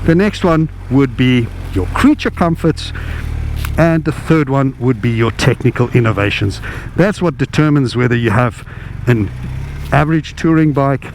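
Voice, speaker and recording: A man's voice: medium pitch, expressive, normal speed. A man giving a ride-and-review commentary from inside a helmet while riding, explaining things in short phrases. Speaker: motorcycle reviewer. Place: riding a motorcycle outdoors. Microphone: inside a motorcycle helmet. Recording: mic inside helmet, clear vehicle noise. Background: vehicle and road noise.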